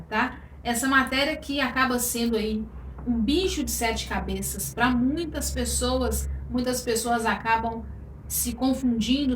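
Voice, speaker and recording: A woman's voice: fairly high pitch, fairly bright tone. Female grammar teacher, patient and explanatory; roomy recording with faint hiss. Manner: explanatory, checks in with frequent "tá?" and "ok?". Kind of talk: online grammar lesson. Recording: echoey room, voice a bit far from mic, faint noise.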